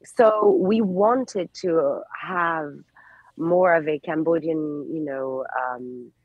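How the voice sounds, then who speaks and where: A French actress in her forties, whose accent mixes French and English, chats as a guest on a radio interview, searching for words. Her low voice is slow and husky, and the audio has phone quality with no echo.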